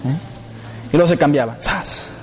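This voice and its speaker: A priest delivers a sermon built on emphatic, repeated lists, breaking off now and then for humorous stories. His voice is on the high side and a little mellow, at a normal speed. The recording has a long hall reverb and faint background noise.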